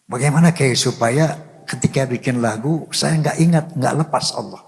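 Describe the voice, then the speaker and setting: An older man earnestly telling a personal story, full of pious phrases, sometimes dropping to a soft murmur. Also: medium pitch, moderate pace, gravelly, slight background noise. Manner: devout, full of religious phrases. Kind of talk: emotional storytelling. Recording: long hall reverb.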